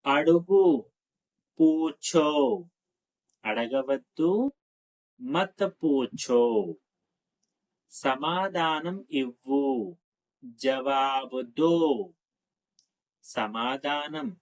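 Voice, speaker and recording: A Telugu-speaking man teaching spoken Hindi, saying each phrase slowly and adding quick asides between the drills. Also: mid-range voice, poor audio. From Telugu-speaking India. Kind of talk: spoken language lesson, slow drill phrases.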